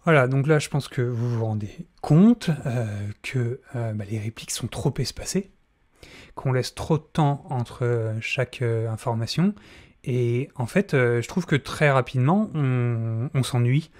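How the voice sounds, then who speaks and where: A middle-aged man hosts an informal spoken tutorial on audio fiction, sitting close to a desk microphone in a small room while wearing headphones. His mid-range voice is a little mellow and slightly slow.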